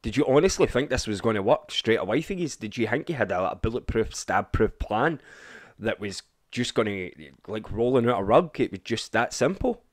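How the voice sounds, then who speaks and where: A man's voice: mid-range voice, lively intonation, moderate pace, dry recording, clean studio sound. Sweary, sarcastic Scottish man. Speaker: commentary vlogger. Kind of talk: ranting reaction commentary.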